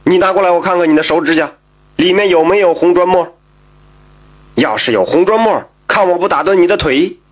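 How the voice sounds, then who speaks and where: Brief: male storyteller doing a shrewd old-time magistrate, low and deliberate, storybook telling. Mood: stern.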